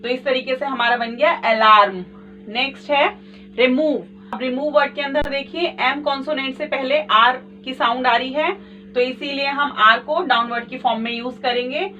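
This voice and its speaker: A woman's voice: sits high, fairly even intonation, normal speed, bright, forceful tone, soft background music. A woman teaching a shorthand lesson step by step, patient and repetitive, calling her viewers friends. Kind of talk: step-by-step tutorial explanation. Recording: distant, dull lo-fi mic with faint noise.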